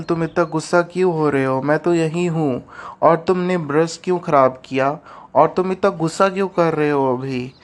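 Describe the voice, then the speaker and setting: A man voicing a gentle, devoted young wife in an animated story, soothing and pleading with her husband. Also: on the high side, natural voice. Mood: scolding.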